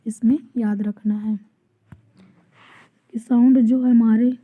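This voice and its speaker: A woman teaches an exam-prep lesson, poses questions and answers them herself, and reads English definitions out word by word. Her voice sits a bit high and stays flat in tone. The sound is thin and tinny, like a phone line. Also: takes it slowly. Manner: explains by asking and answering her own questions.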